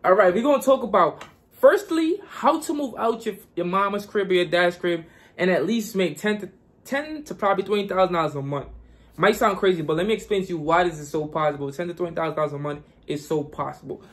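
Young Guyana-born guy, high voice, pumped-up repetitive money-advice vlogger. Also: fairly quick. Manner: repetitive, hyped, preachy. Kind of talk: casual motivational vlog.

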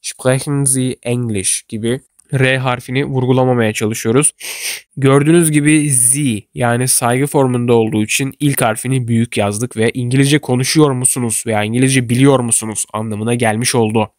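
A man walks learners through everyday German phrases. His voice sits at an ordinary middle pitch. The recording is dry and close, with no room echo, and he says each model phrase slowly and carefully. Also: fairly even intonation, a little mellow. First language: Turkish. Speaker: German language teacher. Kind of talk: instructional explanation for learners.

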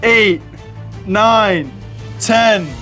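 A man's voice: high voice, very slow. A young adult man taking part in a challenge indoors, chatting casually and teasing his friends. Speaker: challenge contestant. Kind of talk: casual chat, teasing banter. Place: indoors in a basement games room. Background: music.

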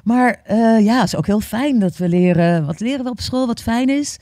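Earnest woman, mellow dry voice. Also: on the high side, lively intonation, moderate pace, no room sound. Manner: earnest, searching for words, repeats words often. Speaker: yoga teacher and podcast guest. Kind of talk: open conversational interview.

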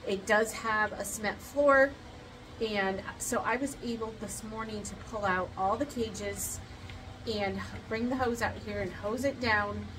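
A woman's voice: mid-range voice, unhurried. Chatty middle-aged woman, distant mic. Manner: chatty, many ums, restarts. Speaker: rabbit keeper vlogger. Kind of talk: casual vlog talk. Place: barn with cement floor, then outdoors in a yard. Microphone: camera a little way off. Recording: distant camera mic with steady background noise. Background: passing motorcycles and outdoor ambience.

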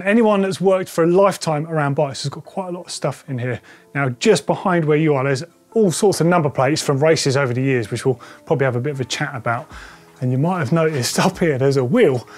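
A man in his forties, chatting enthusiastically as he tours a bike workshop and thinks aloud. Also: a little high. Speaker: presenter. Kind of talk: casual workshop tour. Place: indoor bike workshop shed.

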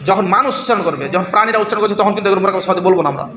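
A man's voice: high-pitched, very fast, roomy sound, dull audio, a crowd in the background. A man teaching Arabic grammar in a classroom lesson, repeating points, mimicking sounds and checking that his students follow. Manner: repetitive, checks students' understanding.

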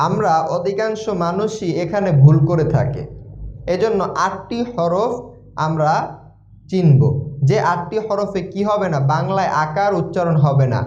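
A man teaching Quran reading, chanting each letter sound over and over in a slow sing-song. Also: high voice, darkish tone. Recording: echoey room, slightly dull sound.

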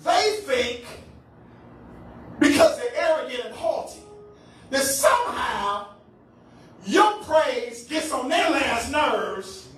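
High-voiced preacher man in echoey church. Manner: animated, calls on the congregation, often laughing and shouting. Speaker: pastor. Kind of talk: lively preaching sermon. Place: church sanctuary. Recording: echoey hall, voice from far off.

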